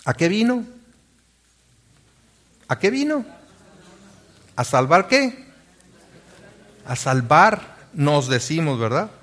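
Male pastor, slightly high voice, sermon delivery, questions to the congregation. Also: sing-song, slow pace, pauses often, fairly bright tone. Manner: preaching with rhetorical questions to the congregation; reads scripture aloud.

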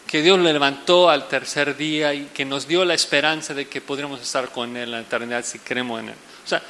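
A male preacher delivers a sermon in a high, bright voice that carries a long reverb from a large hall. He preaches emphatically, leaning hard on key words and then dropping to quiet, low-pitched lines. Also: a little hiss or hum. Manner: emphatic preaching, swinging from loud stresses to hushed low lines. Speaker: pastor.

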